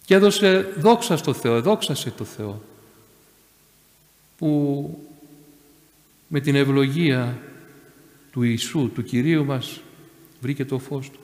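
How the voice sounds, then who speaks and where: A man giving a sermon as a monastery elder, emphatic, repeating phrases and rising louder on key words. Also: medium pitch, long pauses. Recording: echoey church reverb.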